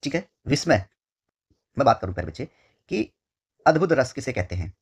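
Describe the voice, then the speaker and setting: Male teacher, exam-prep lesson, husky voice, medium pitch, slow repetitive drilling, addresses students fondly. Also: big pitch swings. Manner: repeats key words slowly, keeps asking "ठीक है"; calls the students "my dear children".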